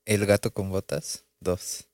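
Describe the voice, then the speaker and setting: A man's voice: lowish voice, takes it slowly, dry recording, studio quality. Joking man on a podcast. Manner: joking, relaxed recommendations with slangy asides. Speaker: podcast co-host. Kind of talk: casual podcast chat.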